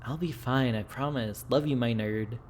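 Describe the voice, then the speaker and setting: Ailing, stubborn mother for a game, gentle, tired delivery, male reader, faint background noise. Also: mid-range voice, normal speed, lightly acted. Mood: reassuring.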